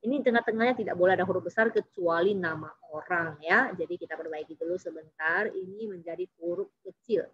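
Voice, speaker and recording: A woman teaching Mandarin vocabulary, saying example words slowly and carefully, then explaining them quickly with a frequent tag "ya". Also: lowish voice, breathy edge. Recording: dull lo-fi recording with faint background noise.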